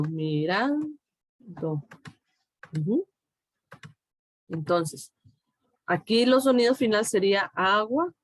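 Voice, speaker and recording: A middle-aged woman teacher with a Costa Rican Spanish accent and a mid-range voice explains things step by step in a recorded tutorial with a dry sound. She is slow and patient, checking in with phrases like "¿de acuerdo?".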